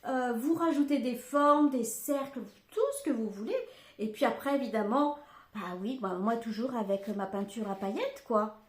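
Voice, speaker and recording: An older woman with a slightly high voice and moderate pace hosts a craft podcast from a room at home. She chats casually, rambling with plenty of fillers and asides, and the room sounds echoey.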